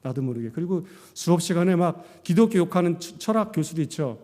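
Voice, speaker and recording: A man's voice: on the high side, fairly quick. Man preaching in a reverberant church. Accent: Korean. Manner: animated storytelling, acting out his own past words. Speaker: pastor. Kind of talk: sermon. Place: church sanctuary.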